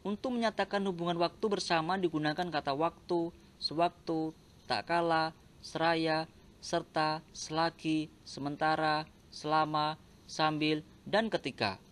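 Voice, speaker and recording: A man reads out a grammar lesson, working through points one by one. His voice sits a little high, and he keeps a slow, even, list-like delivery. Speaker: teacher. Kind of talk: reading a grammar lesson aloud.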